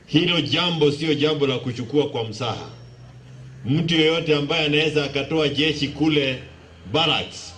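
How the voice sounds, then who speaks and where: A man's voice: mid-range voice, fairly bright tone. A man with a Kenyan accent delivering a political speech to a gathering. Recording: roomy, echoing live sound with faint noise.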